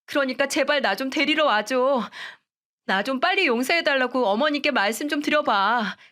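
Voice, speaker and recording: A woman's voice: high voice, normal speed, fairly bright tone, pitched above the performer's own voice. A woman voicing a desperate young daughter-in-law who begs for forgiveness in a raised, pleading voice. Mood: whiny. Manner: begging, tearful pleading.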